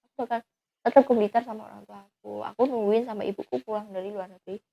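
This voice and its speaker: A woman's voice: mid-range voice, steady tone, fast, creaky, dull audio. A young woman, telling her own story as a guest in an earnest, pleading way that often trails off into fillers. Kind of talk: emotional personal account.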